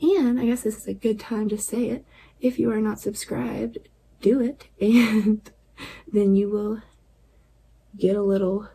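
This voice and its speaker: A woman chatting casually through a makeup tutorial at home at night, relaxed and chatty, often dropping to a near-whisper. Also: mid-range voice, normal speed, vocal fry, slightly rough, low-quality recording. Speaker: beauty vlogger.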